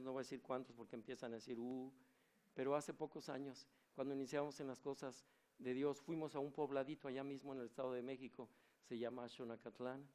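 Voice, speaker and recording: A man preaching a sermon, telling stories and asking the congregation questions. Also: medium pitch. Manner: animated, storytelling, asks the congregation questions. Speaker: pastor.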